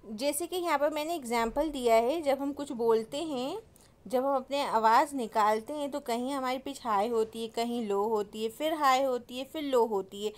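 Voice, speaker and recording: Woman teacher, high voice, patient exam-prep explainer. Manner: explains step by step, repeats definitions, reads English lines slowly. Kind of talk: exam-prep lesson in Hindi-English mix.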